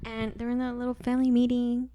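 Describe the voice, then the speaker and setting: A young woman co-hosting a casual podcast, telling stories slowly with slang and giggles. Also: a little high, completely flat delivery, dark tone, no echo. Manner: slow, giggly storytelling with slang. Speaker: podcast co-host. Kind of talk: casual chat.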